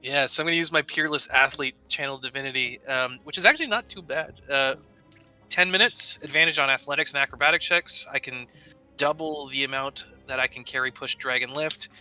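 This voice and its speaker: A man's voice: mid-range voice, fairly quick, bright, forceful tone, clean tone, soft background music. A man playing a tabletop game, cheerfully reading out his character's ability. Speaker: player. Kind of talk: casual tabletop game chat.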